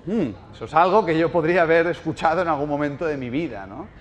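A man's voice: a little high, fast talker, long reverb tail, muffled recording, slight background noise. A man giving a live talk, telling stories with irony and asking the audience questions. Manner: storytelling, ironic, asks the audience questions. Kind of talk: live lecture. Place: bookshop event space with audience.

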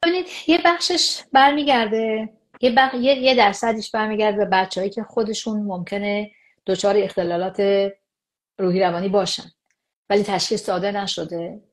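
A woman speaking as an expert guest, explaining calmly but animatedly and acting out quoted dialogue. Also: mid-range voice. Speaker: psychologist guest.

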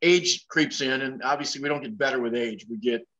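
The dull, lo-fi audio comes from a webcam interview hosted by a man in his sixties. His voice sits mid-range, a bit bright and fairly quick, as he poses long, meandering, chatty questions in a casual style.

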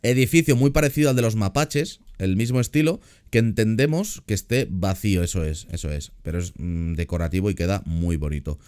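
A man reacts to a zoo build in a casual gameplay commentary, his voice sitting very low. He bursts into runs of repeated words when something excites him. The sound is dry and close, with keyboard typing nearby. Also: fairly quick, few pauses, smooth, dry recording.

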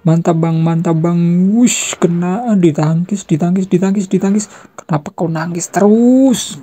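Young adult, gameplay commentary, shouted fight noises, trash talk, mellow dark tone. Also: mid-range voice, measured pace, slightly rough.

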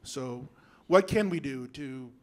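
A school board member in his thirties from the Yakama Reservation in Washington speaks into a handheld microphone in a school board meeting room. He is earnest and halting, clears his throat often, and his nervousness shows in a shaking voice. His pitch is medium and his tone darkish.

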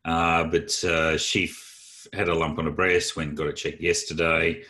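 A very deep man talks in a flat, even tone, yet his voice stays bright and forceful. He rambles openly to fellow professionals, full of ums and restarts. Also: moderate pace. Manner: open, chatty, many fillers and restarts. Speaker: presenter of a training session for advisers. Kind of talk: casual, rambling talk to colleagues.

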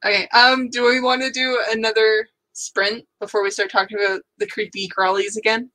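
A bright, forceful young woman talks casually, spinning anecdotes and acting out her own reactions. Her voice sits a little high. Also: little pitch movement, a little fast. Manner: chatty storyteller, acts out her own reactions. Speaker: co-host of writing sprint stream. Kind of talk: casual chat.

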